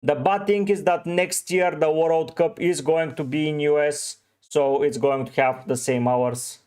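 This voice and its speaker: A man's voice: a little high, fairly even intonation, unhurried, a little mellow, smooth. Man answering livestream chat. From Bulgaria. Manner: reads out chat names and gives short, offhand answers. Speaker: fantasy football streamer.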